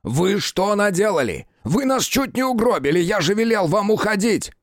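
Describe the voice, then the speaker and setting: A man voicing a gruff male police detective who shouts and curses in raised bursts. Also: a little high, sing-song, a little slow, no echo, clean studio sound, pitched above the performer's own voice. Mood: furious. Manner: bellowing, cursing.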